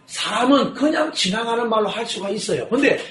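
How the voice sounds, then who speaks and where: Lively high-voiced male pastor preaching. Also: a little fast, slight background noise. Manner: asks the congregation rhetorical questions; lively storytelling. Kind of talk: sermon. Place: church sanctuary. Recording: echoey church hall.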